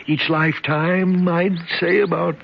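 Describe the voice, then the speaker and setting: An actor in a 1970s radio drama plays an older male convict who claims to have escaped for centuries, speaking earnestly, dreamily and ramblingly. His voice is high-pitched and level, a little slow, with vocal fry. The old recording sounds muffled, with faint hiss.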